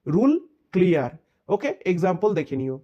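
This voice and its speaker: A man's voice: high-pitched, big pitch swings, dull audio. A man explains an English grammar lesson. He drills each pronunciation over and over and keeps checking in with questions as he teaches. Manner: reads English rules out slowly and deliberately.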